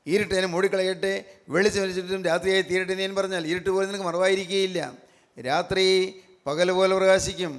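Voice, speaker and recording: Malayali man preaching, high and kinda flat, keeps repeating himself, echoey hall. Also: fast talker. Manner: repetitive, emphatic preaching with frequent praise phrases. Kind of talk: sermon.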